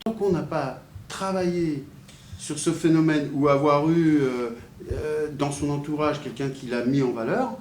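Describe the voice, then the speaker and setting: A man's voice: a little high, steady tone, a little slow, a little mellow. A man leading a group discussion, pressing the others with probing questions. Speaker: discussion moderator. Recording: echoey room with faint noise.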